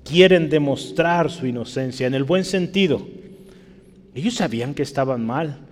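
A man's voice: medium pitch, moderate pace, big-room sound. A male pastor preaching a sermon, punctuating his points with "¿verdad?" and climbing to emphatic peaks.

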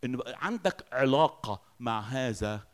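A man preaching in Egyptian-accented Arabic with a mid-range voice. He quizzes his listeners, then answers them himself. His delivery swings from booming emphasis down to near-hushed words. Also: expressive, fast talker. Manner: emphatic, asks the audience questions and answers them; swings between loud declarations and soft, quiet lines. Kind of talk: sermon.

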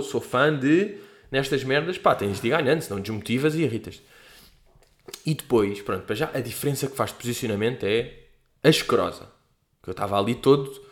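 Animated, slangy Lisbon-sounding guy, twenties. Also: medium pitch. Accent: European Portuguese. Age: 20s. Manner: animated, slangy and profane, acts out quoted people. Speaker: podcast host. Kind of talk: casual solo podcast monologue. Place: at home. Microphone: podcast microphone.

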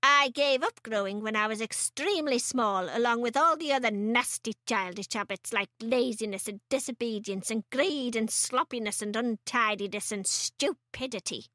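A woman voicing a bossy, sharp-tongued tiny old grandmother who snaps and scolds. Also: a little high, moderate pace, few pauses, no room sound, studio quality. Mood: scolding. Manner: snapping, scolding.

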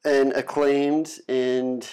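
A man's voice: mid-range voice, flat delivery, extremely slow, dark tone, clear, resonant tone. A man with a mid-range, ordinary voice hosts a casual interview in a friend's home. He reminisces and asks questions in a friendly, conversational way. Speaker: interviewer host. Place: guest's home.

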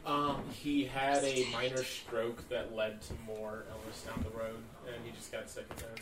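A man's voice: medium pitch, monotone, normal speed, recorded from a distance, noisy background. Man chatting from across the room. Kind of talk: casual chat. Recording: roomy echo, heard from afar, music behind. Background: film soundtrack music.

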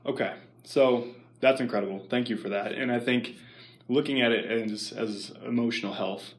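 A man hosting an interview, asking questions with hesitant phrasing and frequent filler pauses. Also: medium pitch. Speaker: interview host.

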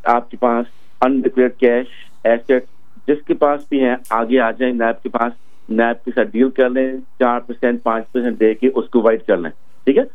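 A man talks very fast over a tinny phone line. He is insistent, repeats his words and switches between Urdu and English. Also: medium pitch, level tone. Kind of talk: heated discussion mixing Urdu and English.

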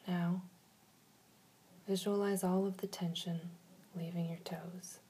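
A woman leading a guided relaxation in a soft, soothing manner, giving slow instructions with long pauses. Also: on the low side, level tone, husky.

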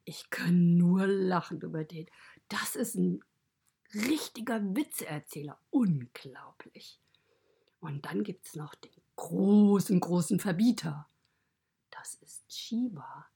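A woman's voice: fairly low pitch, animated, slow pace, gravelly, warm tone, husky, heavily acted. A woman voicing a friendly stable animal who narrates a children's podcast story, chatty and mostly whispered.

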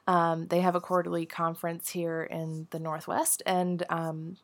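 Chatty podcast mom with a stuffy nose, bit low-pitched, laughing a lot. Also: female voice, level tone, a little slow. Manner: chatty, bubbly, laughs often. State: nasal from a head cold. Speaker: podcast host. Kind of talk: casual solo podcast chat. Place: home office.

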